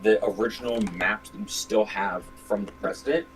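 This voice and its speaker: A man's voice: on the low side, normal speed, soft background music, low-quality recording. A man running a tabletop game as game master, narrating scenes with many fillers and restarts.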